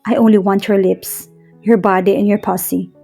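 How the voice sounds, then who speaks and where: A woman voicing an earnest young man who speaks slowly and softly to the woman he loves. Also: mid-range voice, level tone, gravelly, soft background music. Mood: tender. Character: tender, earnest young man courting his love.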